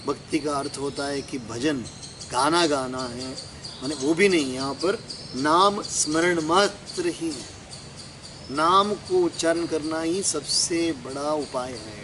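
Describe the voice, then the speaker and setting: A man's voice: on the high side, slow pace. A man giving a religious discourse, explaining scripture verses line by line and asking and answering his own questions. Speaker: spiritual teacher. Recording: clear background noise with crickets.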